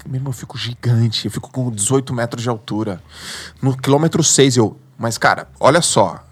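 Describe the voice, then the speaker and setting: On a podcast, a man who mentors entrepreneurs tells lively stories with a Brazilian Portuguese accent, using slang, emphasis, and some swearing while acting out his inner voice. He speaks a little fast in a husky, mid-range voice.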